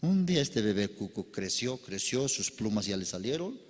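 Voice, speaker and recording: A man preaching a sermon, telling a parable dramatically, with sudden loud outbursts and quiet drops. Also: lowish voice, very animated, normal speed, in a large hall. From Bolivia. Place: church service.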